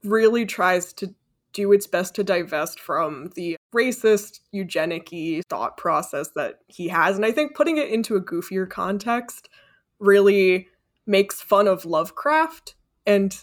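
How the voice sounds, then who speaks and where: Animated woman co-hosting a podcast. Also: medium pitch, unhurried. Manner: animated, sarcastic asides, laughs easily. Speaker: podcast co-host. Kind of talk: casual film discussion.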